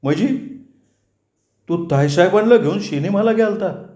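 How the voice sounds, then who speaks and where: A man's voice: high-pitched, lively intonation, normal speed, dark tone, voice pushed up. A fretful old village father from a storybook, acted by a man in a raised voice, coaxing and worried. His pleading lines echo in a roomy space. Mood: anxious. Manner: anxious, coaxing.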